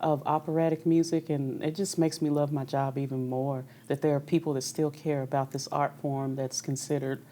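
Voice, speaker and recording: In a conversational interview, a young adult opera singer from Kentucky talks openly and comfortably about her career. Her low, mellow voice has a flat delivery at a moderate pace with hardly any pauses, over a little hiss or hum.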